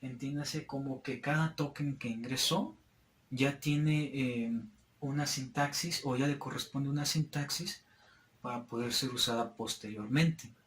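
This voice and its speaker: A young male student presenter explains a topic at a whiteboard in class, hesitating often, with frequent fillers and restarts. His voice is medium-pitched, and the echoey room carries slight background noise.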